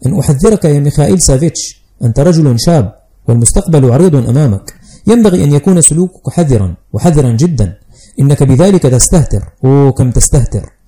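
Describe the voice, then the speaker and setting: A man's voice: a little high, dark tone. A man voicing a fussy, fearful old schoolteacher. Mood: anxious warning. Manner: anxious, prim, lecturing. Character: fussy, fearful older male schoolteacher, prim stickler. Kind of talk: audiobook character reading.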